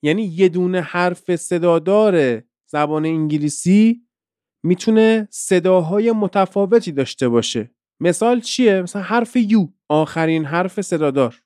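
Podcast host and teacher, male, light-pitched and smooth, dry close-mic delivery explaining examples. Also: darkish tone, dry recording.

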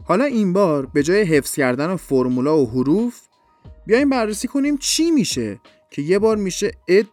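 A man's voice: high voice, very animated, a little mellow, no room sound, faint music behind. A man explaining pronunciation in a patient, step-by-step podcast lesson. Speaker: English teacher.

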